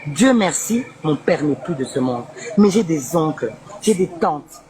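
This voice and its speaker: A woman's voice: sits low, expressive, a little slow, background noise. A woman guest speaking insistently and emotionally in a live interview, mixing French and Lingala. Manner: pleading, insistent, switches between French and Lingala.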